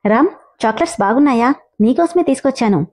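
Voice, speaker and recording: A woman's voice: fairly high pitch, animated, fast talker, a little mellow. A woman voicing a boastful little girl raised in the city, sweet-toned and showing off, in a storybook reading.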